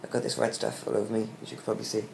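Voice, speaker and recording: A young British man, weak, tired and short of breath after surgery, talking haltingly in a casual video diary. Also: on the low side, level tone, gravelly. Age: young adult. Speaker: vlogger giving a recovery update. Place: small hospital room, lying in bed. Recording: roomy echo with faint background hiss.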